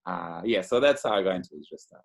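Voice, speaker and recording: Speaking fast and with animation, this low-voiced man is a Portuguese immunologist in his thirties appearing as an interview guest. The conversation is casual, and he talks eagerly, with plenty of fillers and false starts.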